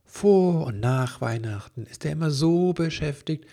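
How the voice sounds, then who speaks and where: A man's voice: a little high, animated, unhurried, gravelly, warm tone, voice pushed up, exaggerated voice. A man voicing a clever female elf inventor. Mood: explaining. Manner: earnest, explaining.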